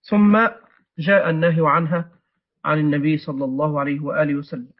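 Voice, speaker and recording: A man's voice: a little high, fairly even intonation, moderate pace. A man teaching a text, correcting the reader and explaining words, with frequent hesitation sounds. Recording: muffled lo-fi recording.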